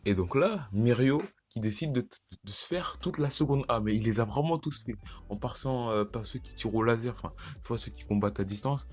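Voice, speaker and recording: A teenage guy chatting casually about an anime, excitable and slangy, rambling with lots of restarts. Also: mid-range voice, a little fast. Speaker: YouTuber. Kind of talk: casual anime commentary vlog.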